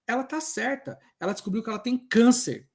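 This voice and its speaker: Man, Brazilian accent, social worker, lively storytelling, expressive rising and falling voice. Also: very high-pitched, brisk. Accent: Brazilian Portuguese. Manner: animated storytelling, acts out quoted voices. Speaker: social worker at a health unit, panel speaker. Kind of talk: lively spoken anecdotes at an open class.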